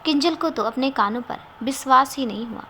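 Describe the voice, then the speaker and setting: A woman narrates a storybook in a steady, even reading voice. Her pitch sits a little high, and a faint hiss runs underneath. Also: brisk.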